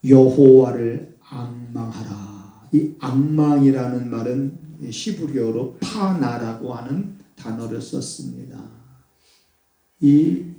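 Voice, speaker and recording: A middle-aged male pastor preaching a sermon in a church, speaking quietly as he explains and then rising into loud, high exclamations. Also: gravelly. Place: church sanctuary. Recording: echoey church, voice from a distance.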